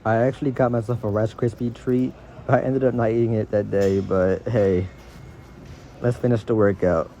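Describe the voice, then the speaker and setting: A man's voice: on the low side, steady tone, moderate pace, warm tone. A man giving a casual, slangy exercise tutorial as a fitness instructor, his speech slightly impeded by dental braces.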